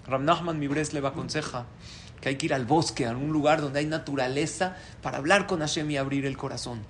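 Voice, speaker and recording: Animated man teaching a sermon class. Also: a little high, brisk, a little hiss or hum. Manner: animated storyteller, lively voice changes. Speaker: rabbi.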